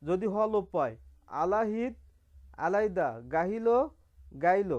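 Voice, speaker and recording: A man's voice: sits high, slow pace, darkish tone, dull audio. A man teaching grammar over slides, explaining step by step and repeating key terms, asking questions and answering them himself. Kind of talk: online slide lesson.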